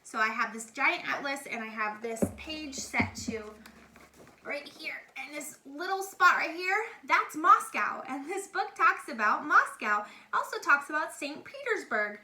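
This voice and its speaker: In a homemade recording, a middle-aged woman acting as a read-aloud host speaks to children with casual enthusiasm, keeping her explanations simple. Her voice sits high, with lively intonation, a measured pace and a sharp tone, plus a little hiss or hum.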